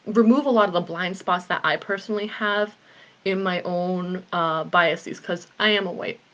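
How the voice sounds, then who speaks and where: A woman's voice: on the low side, moderate pace, a bit bright, highs cut off. A woman in her late twenties chatting candidly on a live video with her group, rambling a little with plenty of ums. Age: 20s. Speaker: author and group host. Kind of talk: casual live video chat.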